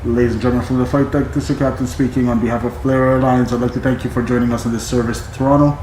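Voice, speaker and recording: A man playing an airline captain on a cockpit headset, reading back clearances and making calm, procedural cabin announcements. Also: mid-range voice, rapid-fire, roomy sound, a little hiss or hum, poor audio. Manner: calm, procedural pilot phrasing. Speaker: flight sim streamer playing airline captain. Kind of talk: role-play radio calls and cabin announcements.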